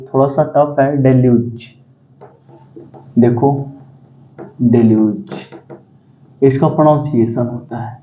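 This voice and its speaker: A man teaching exam vocabulary in a lecture, repeating key words slowly and quizzing his students. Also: on the high side, highs cut off. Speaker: English teacher.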